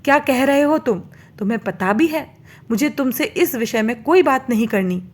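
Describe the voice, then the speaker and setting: An angry, hurt young wife from a storybook tale, voiced by a woman, speaking in a sharp, raised, emotional way. Her voice sits high. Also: animated, moderate pace.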